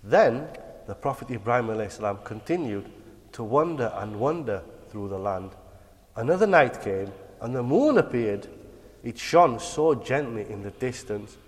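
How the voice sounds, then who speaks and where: A man telling religious bedtime stories to children like a kids' show host, animated and encouraging. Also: medium pitch, normal speed. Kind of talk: dramatic bedtime religious storytelling. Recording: long hall-like reverb.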